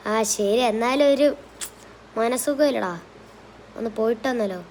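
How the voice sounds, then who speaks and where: A woman's voice: on the high side, normal speed, darkish tone, slight background noise, rough recording. A woman narrating and voicing a comic gangster game story. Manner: playful, switches between character voices. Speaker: gaming channel narrator voicing characters.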